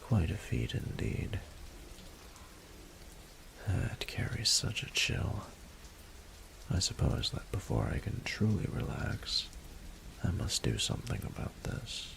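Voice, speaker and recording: A man voices a courtly, flirtatious dragon lord in human form for a scripted romantic audio roleplay, his very deep, gravelly tone dropping to a breathy half-whisper. He sounds mildly weary, with slow, formal, archaic, seductive phrasing and big pitch swings, fully in character. Background noise can be heard.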